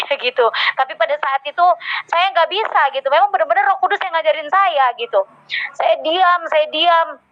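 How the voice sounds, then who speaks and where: A woman telling a heartfelt personal testimony to a congregation, with many hesitant fillers. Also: sits high. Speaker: church member giving testimony. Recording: dull lo-fi recording.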